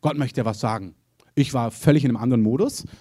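A man's voice: mid-range voice, fast talker. A man preaching a sermon as pastor, telling stories and acting out the quoted voices with energy. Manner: lively storytelling preacher, mimics quoted voices.

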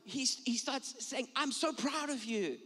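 A man preaching in English, pausing line by line for an interpreter, fervent and building in bursts. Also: very high-pitched, expressive, sharp tone. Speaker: guest preacher. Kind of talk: sermon with live interpreter. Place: church hall. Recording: long hall reverb.

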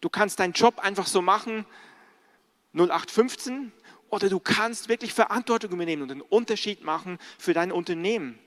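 A man's voice: high-pitched, a little fast, a bit bright. A middle-aged man preaching a sermon as pastor, earnestly putting direct questions to the congregation.

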